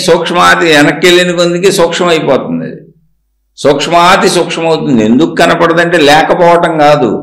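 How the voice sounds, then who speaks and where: A man's voice: a little high, vocal fry, fairly bright tone, reverberant. A man giving a spiritual discourse, asking rhetorical questions and answering them himself in a repetitive, emphatic teaching cadence.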